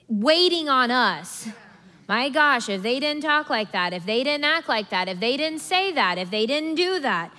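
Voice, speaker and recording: A woman preaching a sermon in a lively, conversational way, often acting out people's inner thoughts. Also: fairly high pitch. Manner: animated, acts out congregation's inner voices with laughs. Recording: long hall reverb.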